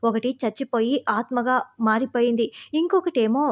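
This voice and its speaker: A woman's voice: fairly high pitch, moderate pace, close to an everyday voice. A woman voicing a scheming woman in a retold serial, in her own voice. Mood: mocking. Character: scheming woman, cold and mocking.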